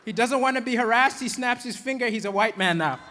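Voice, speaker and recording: Male stand-up, animated delivery, sharp tone, hall reverb. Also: extremely high pitch, fairly quick, slight background noise. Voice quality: animated, switches into voices for quoted people. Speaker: stand-up comedian. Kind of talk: stand-up comedy set. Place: comedy venue stage.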